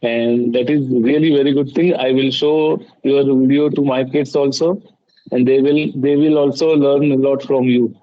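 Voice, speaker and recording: A man's voice: medium pitch, flat delivery, moderate pace. A middle-aged man chatting casually in non-native English phrasing, often repeating his phrases. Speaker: guest in an English practice conversation. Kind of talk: casual chat. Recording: dull lo-fi call audio.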